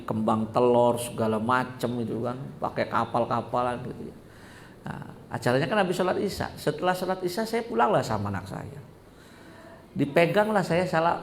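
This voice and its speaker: A middle-aged man giving a lively, joking sermon to a study gathering, often asking the audience questions. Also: on the high side, vocal fry, slight background noise. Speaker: ustadz giving a religious talk.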